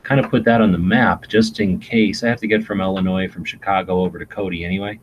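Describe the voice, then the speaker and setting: A man's voice: low voice, fairly even intonation, fast talker, lo-fi sound, slight background noise. A man hosting a casual live-stream chat, rambling along with many fillers and restarts. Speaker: gun channel host. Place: home in Arizona.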